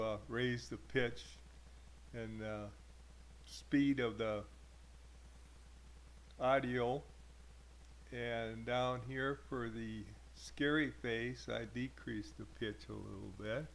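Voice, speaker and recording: Slow, hesitant man demoing his software. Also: mid-range voice. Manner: hesitant, with many uh fillers and restarts. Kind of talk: casual screen-recorded tutorial.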